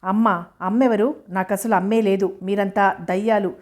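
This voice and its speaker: A woman voicing an agitated, confused young man who shouts accusations at his family. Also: medium pitch, steady tone, normal speed, natural voice. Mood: hostile, shouting. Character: agitated young man, hostile, confused after head injury.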